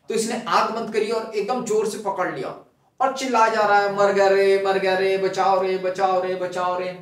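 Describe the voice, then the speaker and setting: Animated male trainer in an echoey room. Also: high voice, recorded from a distance. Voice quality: conversational, repeats phrases. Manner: animated, drawing on slides while talking. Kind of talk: storytelling lesson.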